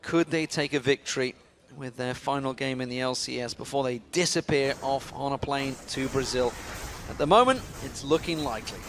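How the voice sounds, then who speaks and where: A man giving live play-by-play commentary on an esports match, excitable and climbing in pitch when the action picks up. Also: moderate pace, background noise. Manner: excitable, rises sharply in pitch during action.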